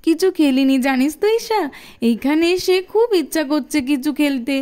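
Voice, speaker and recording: A woman's voice: sits high, lively intonation, moderate pace, dark tone. A woman voicing an eager, caring schoolgirl in a doll cartoon. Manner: eager, pleading.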